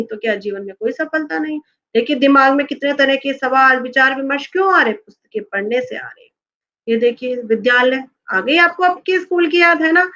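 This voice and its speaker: A woman's voice: sits high, sharp tone, highs cut off. A woman teacher explaining a lesson to children, often asking them rhetorical questions. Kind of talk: classroom lesson talk to children.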